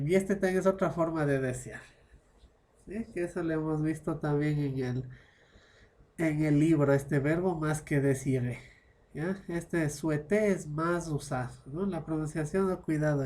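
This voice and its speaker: A man's voice: on the high side, darkish tone. A man teaching French grammar as a lesson, explaining in one language and switching into French for examples, constantly checking with short tag questions. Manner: checks understanding with constant "¿ya?" and "¿no?" tags.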